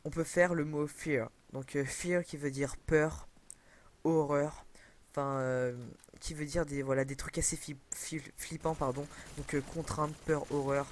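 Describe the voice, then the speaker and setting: A man's voice: fairly high pitch, steady tone, a little slow. A young man commenting casually on a video game over a headset, rambling with many fillers and self-corrections. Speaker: gaming commentator.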